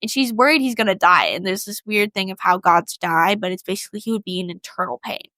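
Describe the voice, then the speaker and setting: Bright-voiced young woman, slangy. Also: mid-range voice, quick pace, no room sound. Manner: slangy, chatty, heavy use of "like". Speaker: podcast co-host. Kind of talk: casual storytelling.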